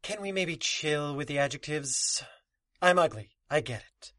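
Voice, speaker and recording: A man's voice: fairly high pitch, animated, measured pace, bright, forceful tone, no echo, studio quality. A man doing a grandiose snake-haired supervillain. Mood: sarcastic. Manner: grandiose then sarcastic. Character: menacing snake-haired masked male supervillain. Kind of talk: comedic audio drama.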